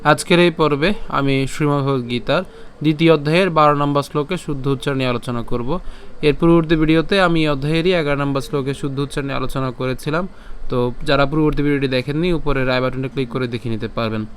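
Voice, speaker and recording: A man teaching scripture recitation, breaking words into syllables and chanting verses slowly. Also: mid-range voice, steady tone, slight background noise. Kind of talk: recitation lesson.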